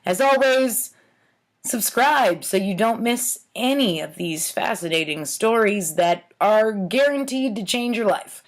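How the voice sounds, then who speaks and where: In a medium-pitched voice with lively intonation and a measured pace, an adult woman reads her own childhood writing for her storytime series. Her manner is tongue-in-cheek, with casual asides mixed in.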